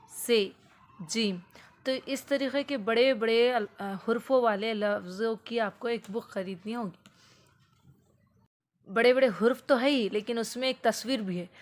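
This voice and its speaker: A woman teaching how to teach children the alphabet, slowly drawing out each letter as if to a small child. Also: fairly high pitch. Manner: slow drawn-out letter recitation as if to a child. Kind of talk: home teaching tutorial.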